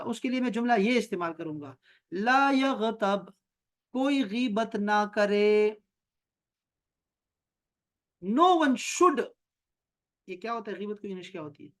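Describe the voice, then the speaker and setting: Over a video call, a man leads an online class in Quran and Arabic grammar, slowly reciting short Arabic phrases before explaining them patiently and quizzing his students to check their answers. His voice is high and a little bright, with lively intonation.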